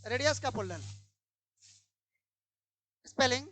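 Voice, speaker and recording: High-voiced woman teaching a class. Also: expressive, slow, fairly bright tone. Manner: quizzing pupils, repeating questions. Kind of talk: classroom grammar lesson.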